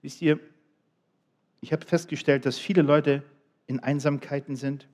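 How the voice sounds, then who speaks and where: Dark-voiced emphatic German preacher man. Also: a little high, fairly even intonation, a little slow. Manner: emphatic, shifts between loud appeals and quiet asides. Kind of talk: sermon.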